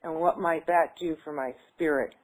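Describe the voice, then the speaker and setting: Her voice sits low and stays steady at a moderate pace while she echoes phrases in a tapping session. Talking freely afterward, she hesitates and fills gaps with many fillers.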